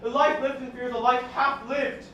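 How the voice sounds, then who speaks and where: A woman's voice: high voice, steady tone, brisk, fairly bright tone, highs cut off. Girl playing a stubborn proud old man. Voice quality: defiant, blustering. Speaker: student actor. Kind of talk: school stage play. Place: school stage or hall. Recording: echoey hall, faint noise.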